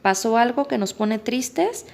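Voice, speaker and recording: Gravelly woman explaining a book. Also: on the high side, lively intonation, unhurried, a little mellow, slight background noise. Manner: conversational, acts out parent and child quotes. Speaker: psychologist. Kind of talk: book summary talk.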